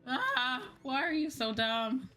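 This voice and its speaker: A woman with a high voice livestreams as a VTuber, chatting casually while she games, very animated yet slow, with a sharp tone and faint music in the background. She's blunt, swears freely, and repeats her points for emphasis.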